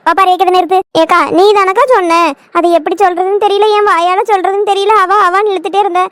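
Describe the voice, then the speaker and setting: A woman voicing an excitable, dim-witted elderly woman in a cartoon, who wails in drawn-out melodramatic laments. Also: very high-pitched, dry recording, clean studio sound. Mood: excited. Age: older. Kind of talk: cartoon comedy voice acting.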